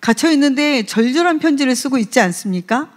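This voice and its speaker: A woman's voice: high voice, animated, quick pace. A woman preaching a sermon in a conversational way, often putting questions to the congregation.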